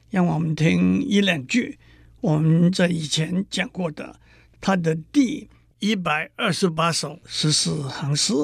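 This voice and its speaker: A man giving an explanatory lecture on poetry, slow and deliberate, spelling out examples syllable by syllable. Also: sits high, vocal fry, slightly rough, no echo, clean studio sound.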